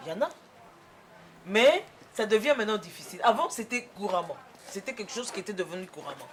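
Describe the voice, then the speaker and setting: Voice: medium pitch, big pitch swings, fast talker. Patient speaker explaining at length. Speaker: interviewee. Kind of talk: casual interview.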